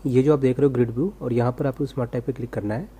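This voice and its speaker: A man's voice: medium pitch, steady tone, very fast, mellow, slightly rough. A man giving a casual screen-recorded coding lesson, asking himself rhetorical questions as he types. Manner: casual, rhetorical self-questions, talks while typing. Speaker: programming tutor.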